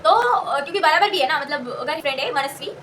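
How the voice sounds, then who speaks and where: A woman's voice: high voice, expressive, a little fast, a bit bright, recorded from a distance, slight background noise. A young woman telling a casual story, rambling and correcting herself as she goes. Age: young adult. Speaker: college student telling a story.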